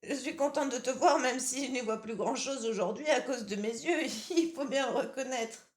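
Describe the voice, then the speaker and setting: A frail, weary old grandmother from a storybook, voiced by a woman chatters kindly and breaks into small laughs. Her voice sits high and thin. The reading has an echoey room around it. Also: moderate pace, close to an everyday voice. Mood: doting. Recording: roomy echo.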